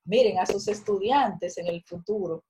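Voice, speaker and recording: A woman's voice: medium pitch, moderate pace, dark tone, slight background noise, poor audio. A woman teacher giving an online class on a video call, explaining and correcting student work with encouragement. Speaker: university teacher.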